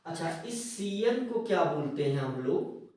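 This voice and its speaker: A male chemistry teacher giving a classroom lecture. He repeats key terms, asks his students questions and answers them himself, often checking in with a quick tag question. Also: on the high side, animated, darkish tone. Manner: slow, repetitive, asks questions then answers them, frequent "है ना?"; addresses students as children. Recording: echoey room, voice from a distance.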